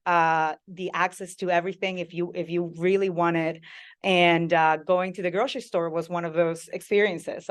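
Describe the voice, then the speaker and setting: A woman from Peru, a food company founder giving an engaging talk and asking the audience questions. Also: lowish voice.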